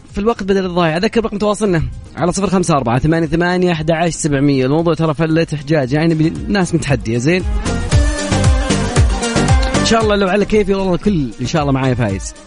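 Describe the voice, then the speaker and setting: A Saudi man hosts a radio quiz at a brisk clip, his voice sitting a bit high. He jokes and teases his callers between questions. Music plays under him throughout. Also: lively intonation. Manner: jokey, teasing, quick banter with callers. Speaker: radio game show host. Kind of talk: lively radio call-in quiz hosting.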